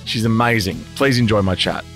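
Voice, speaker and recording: An Australian man with a croaky, frog-in-the-throat voice introduces a podcast episode in a chatty, gushing way. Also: on the low side, fairly quick, fairly bright tone, soft background music. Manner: enthusiastic, gushing. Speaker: podcast host.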